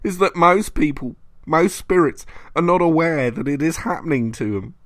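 A vengeful male spirit, reborn again and again,. His rasping voice sits far above an ordinary speaking pitch, strained and unnatural in tone, hissing and menacing. Captured in a dry, close recording with no room sound. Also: expressive, normal speed, fairly bright tone, dry recording. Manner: menacing, rising to bellowing shrieks. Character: vengeful reincarnated male spirit, hateful and ranting. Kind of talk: audiobook character voice.

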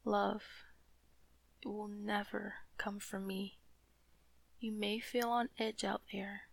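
Soft gravelly woman, slow and even, whispery comfort roleplay, dry close sound. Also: mid-range voice, no echo. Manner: soft, soothing, often whispered. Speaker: loving partner in roleplay.

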